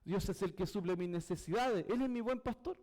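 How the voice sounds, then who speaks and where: A man with a Chilean accent preaching a sermon as pastor, fervent, swinging from loud exclamations to hushed whispers. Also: high voice, a little fast. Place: church hall. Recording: long reverb of a church hall.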